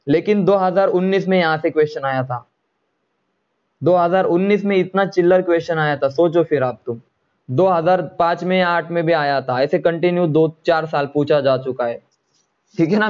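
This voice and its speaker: A man teaching a chemistry lecture online in speech, coaxing students to answer and drawing out formula terms slowly. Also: on the high side, a little mellow, dull audio.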